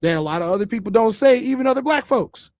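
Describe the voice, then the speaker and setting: A man hosts a casual podcast, his voice pitched high for a man. He talks loosely to his viewers and thinks aloud with restarts. The sound is dry and close. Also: animated, fast talker, darkish tone, no room sound. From Chicago. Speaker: podcast host.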